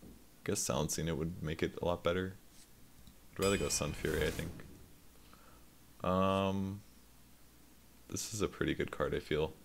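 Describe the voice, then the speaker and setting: A man's voice: deep voice, steady tone, moderate pace, gravelly, pauses often, a little hiss or hum. A man casually commenting on his own card game play as a streamer, self-deprecating and swearing freely.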